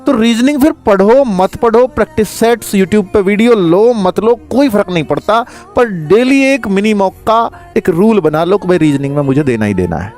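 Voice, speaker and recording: A man's voice: high-pitched, expressive, moderate pace, hardly any pauses, a little mellow, soft background music. A man coaching exam students, talking to them directly and emphatically and calling them kids. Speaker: exam prep teacher. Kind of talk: spoken exam advice to students.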